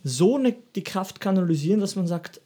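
Husky Austrian-raised man, rambling podcast chat. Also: high voice, animated, fairly quick, mellow. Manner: rambling, reflective, many restarts. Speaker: podcast co-host.

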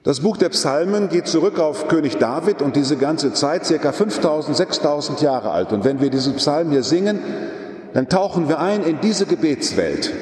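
A man's voice: medium pitch, a little mellow. Guy preaching a sermon, keeps repeating the psalm line, big echoey church sound, long reverb tail. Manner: explanatory preaching, often repeats and restresses one verse. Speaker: priest. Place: large church.

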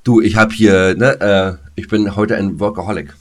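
A man with a deep, low-set voice chats on a podcast in a teasing, playful way. He stumbles, restarts and fills with "äh" often. He is recorded at home over a remote call. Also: steady tone, moderate pace. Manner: joking and playful, with many restarts and fillers. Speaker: podcast co-host. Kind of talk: casual podcast chat.

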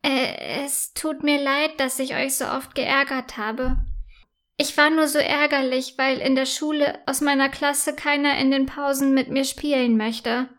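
A woman's voice: sits high, fairly even intonation, measured pace, a bit bright. A woman voicing a young schoolgirl who teases the other children, then turns timid and sorry, in a children's storybook reading. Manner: mocking, later timid and tearful. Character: mean-then-sorry schoolgirl, third grade.

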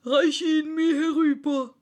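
A woman's voice: high-pitched, flat delivery, takes it slowly, darkish tone, voice pushed up. Woman doing a solemn pompous Dodo bird. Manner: formal, ceremonious speech.

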